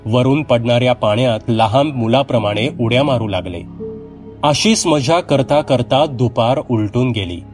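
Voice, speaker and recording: Man, horror storyteller, steady read, faint music underneath. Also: mid-range voice, a little slow. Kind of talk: scripted horror story narration.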